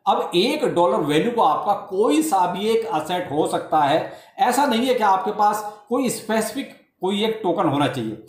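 A man's voice: sits high, very animated, normal speed. A man giving casual, chatty crypto updates to his viewers, often calling them brother and repeating filler phrases. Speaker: crypto YouTuber. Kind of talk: casual explainer talk to viewers. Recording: roomy echoey room sound.

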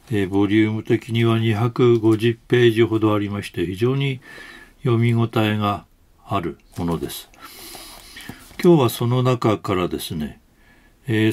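A man reading a first-person wartime testimony aloud, slow and measured, after a short introduction with hesitant fillers. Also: on the low side, darkish tone. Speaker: board member of a local record-keeping group, reader.

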